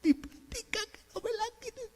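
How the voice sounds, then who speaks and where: A man's voice: extremely high pitch, normal speed, mellow, long reverb tail, pitched above the performer's own voice. A man playing a fearful young man who whines and pleads over his hidden wheat. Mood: fretful. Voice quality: whiny, pleading.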